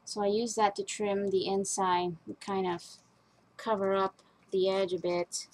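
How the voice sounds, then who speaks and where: A woman's voice: mid-range voice, flat delivery, measured pace, a little mellow, a little hiss or hum, rough recording. A woman talking casually at her craft desk, chatty and rambling with fillers as she walks through a project. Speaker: craft vlogger.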